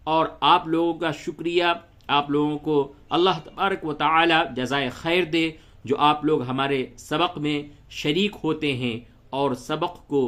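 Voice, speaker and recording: Patient Quran teacher spelling out letters. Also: male voice, on the high side, fairly bright tone. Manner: explains rules patiently, spells out letters and recites slowly. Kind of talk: tajweed lesson with slow recitation.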